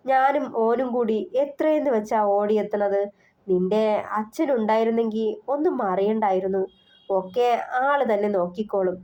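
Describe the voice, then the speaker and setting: A woman's voice: fairly high pitch, muffled recording, close to an everyday voice. A woman voicing a fretful, tender middle-aged widowed mother in a storybook reading. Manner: fretful, affectionate.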